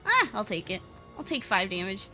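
With a mid-range voice that swings widely in pitch, a woman streamer speaks at a moderate pace in a bright, forceful tone. Her live gameplay commentary is playful and chatty, with occasional swearing and giggles at her own jokes, over game music.

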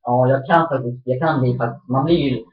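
A woman's voice: rumbling low, over a noisy crowd. A woman chatting casually while playing an online shooter with her sibling, rambling, cursing at the game and fussing protectively over the other player. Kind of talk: casual gaming chat. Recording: dull, roomy, off-mic home recording.

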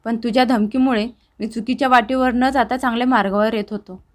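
स्त्री निवेदिका साकारत असलेला पश्चात्तापाने भरलेला कळकळीचा मुलगा. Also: male voice, very high voice, fairly even intonation, brisk. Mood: pleading. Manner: pleading, earnest and tearful. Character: remorseful grown son, emotional family man.

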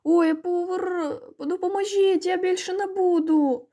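A woman's voice: very high voice, fairly even intonation, measured pace, pitched above the performer's own voice. A woman voicing a frantic, drowning boy. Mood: panicked. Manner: frantic, yelling pleas. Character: panicking boy drowning in a costume.

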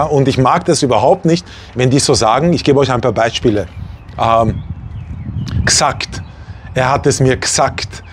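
A man in his forties from Vienna, speaking standard German without a regional accent, talking casually to camera as a language teacher, animated and full of fillers and asides. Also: mid-range voice, slightly rough. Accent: standard High German, no regional accent. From Vienna, Austria. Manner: animated, gestures a lot, many fillers and asides. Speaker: language teacher and channel host. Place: small room indoors.

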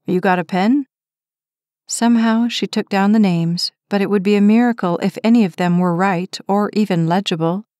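A woman narrates a romance audiobook in a steady, measured voice. Her pitch sits in the middle. The close mic gives a dry sound. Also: dry recording. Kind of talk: scripted narration.

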